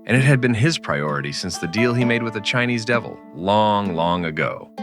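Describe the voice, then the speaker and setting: In a lowish voice, a man narrates a scripted western in the style of old-time radio, telling the story with dramatic deliberation.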